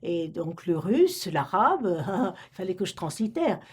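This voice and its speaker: A retired librarian from Romania, an older woman, recalls her past in an oral history interview, speaking hesitantly with many restarts and fillers. Her voice sits on the low side, unhurried and slightly rough, with big pitch swings.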